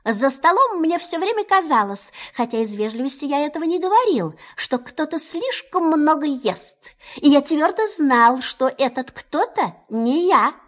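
A woman's voice: high-pitched, animated, measured pace, few pauses, pitched above the performer's own voice. A woman voicing a clever, prim male rabbit who speaks politely but sternly.

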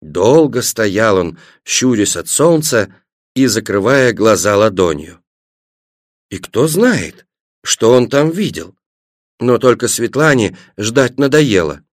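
A man narrating a children's story in an expressive reading, shifting his delivery between scenes. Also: fairly low pitch, slow, dry recording, clean studio sound. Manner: expressive, varied reading with voiced characters.

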